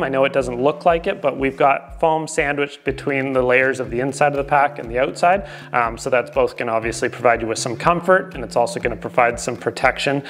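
A middle-aged man reviews a piece of outdoor gear from behind a table, his voice at an ordinary pitch. He explains in an easygoing way, sprinkling in ums and uhs. Soft music plays faintly underneath. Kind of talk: product review to camera. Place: indoor room, standing at a table.

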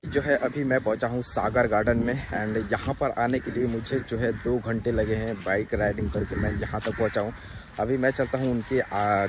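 A man's voice: medium pitch, big-room sound, noisy background. A young man filming himself outdoors by the sea, talking casually with many filler phrases and some English words mixed in. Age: young adult. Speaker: vlogger. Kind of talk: casual travel vlog. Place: outdoors by the sea, seaside garden. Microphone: phone at arm's length.

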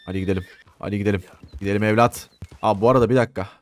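A man's voice: on the low side, fairly even intonation, racing. A young man commentating a western video game as he plays, joking, swearing and talking back to the characters. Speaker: gameplay commentator. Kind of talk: let's play commentary.

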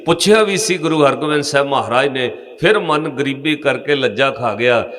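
A man's voice: medium pitch, normal speed, fairly bright tone. A man with a Punjabi accent giving an emotive storytelling sermon, speaking directly to the congregation. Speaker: preacher. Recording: echoey hall reverb.

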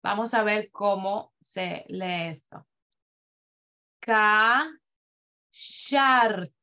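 A woman teaching Hebrew reading in a live class, slowly drawing out sounds to demonstrate them with patience. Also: mid-range voice, creaky, a bit bright. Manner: patient, drawn-out demonstrative pronunciation. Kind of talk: slow online reading lesson. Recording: dull lo-fi audio.

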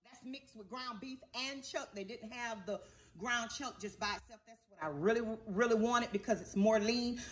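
A woman's voice: a little high, normal speed. A middle-aged woman hosting a casual cooking demonstration in her home kitchen, chatty and emphatic, often checking in with her viewers.

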